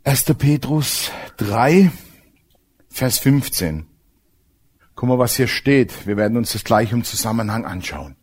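A man preaching a sermon to a congregation, animated and direct, asking them questions and mixing in humor. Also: medium pitch, unhurried, slightly rough. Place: church service with congregation.

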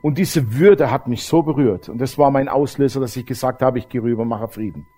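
A man's voice: medium pitch, a little fast, dark tone, breathy edge. A middle-aged man, preaching a testimony sermon and telling his story straight to the congregation. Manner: storytelling, addresses the audience directly.

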